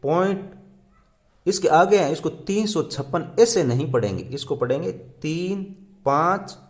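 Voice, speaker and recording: A man's voice: fairly high pitch, expressive, a little slow. A man teaching a primary school math lesson, counting aloud and repeating each step.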